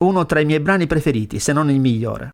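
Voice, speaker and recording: Guy on the radio telling a story, highish voice, really animated. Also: quick pace, creaky. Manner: expressive storytelling, dramatic reading of lyrics. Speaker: radio host. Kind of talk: radio narration.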